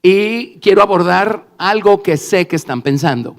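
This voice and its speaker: A man's voice: high voice, animated, measured pace. A man speaking in church as an interpreter, in the style of prayer and sermon. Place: large church hall. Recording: reverberant church hall, faint music.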